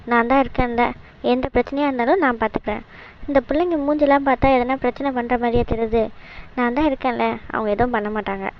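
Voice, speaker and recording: A woman voicing a gentle, reassuring middle-aged mother in a cartoon series. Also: high voice, highs cut off, lightly acted. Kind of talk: cartoon web series dialogue.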